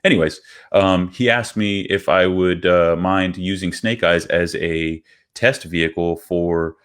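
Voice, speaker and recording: Deep-voiced man on a video call. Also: a little slow, smooth. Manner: relaxed and rambling, with many fillers. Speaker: podcast co-host. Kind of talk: casual storytelling on a video call.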